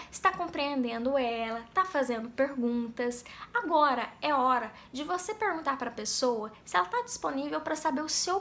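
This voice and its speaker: Bright, high-voiced Brazilian woman coach. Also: gravelly. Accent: Brazilian Portuguese. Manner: explains steps patiently, acts out sample dialogues. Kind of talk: live-stream talk answering chat.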